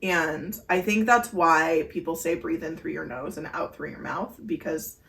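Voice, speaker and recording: Lowish-voiced woman chatting on a podcast, earnest, lots of ums, sounds far off in an echoey room. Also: moderate pace, vocal fry, a bit bright. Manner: earnest, explaining with many fillers. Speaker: podcast co-host. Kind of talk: casual wellness chat. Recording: echoey room heard from afar.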